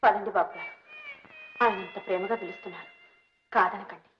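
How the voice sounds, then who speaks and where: A woman playing a kind, quick-talking young woman. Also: medium pitch, steady tone, faint music behind, close to an everyday voice. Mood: gentle. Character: kind young woman helping a leper, gentle and selfless. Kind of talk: 1960s Telugu film drama. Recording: dull old film soundtrack.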